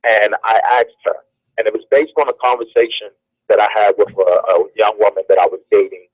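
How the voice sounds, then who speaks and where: A man's voice: fairly low pitch, little pitch movement, brisk, no room sound. An earnest man giving advice on a radio show, telling a personal story and repeating phrases for emphasis, heard over a telephone. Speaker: guest on a call-in radio show. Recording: tinny phone-line sound, dry.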